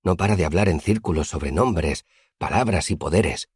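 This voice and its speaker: A man's voice: low-pitched, normal speed, husky, no room sound, clean studio sound. A man doing a heated young student. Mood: wry. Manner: heated, complaining. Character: earnest young male student, blunt, indignant.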